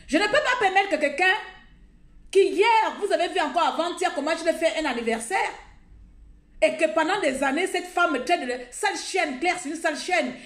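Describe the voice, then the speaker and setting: A woman's voice: very high-pitched, expressive, brisk, fairly bright tone, reverberant. A woman, ranting indignantly and emphatically to her followers in a live video. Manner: indignant, emphatic, talks straight to viewers. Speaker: live streamer addressing followers. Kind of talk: heated live video rant. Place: outdoors.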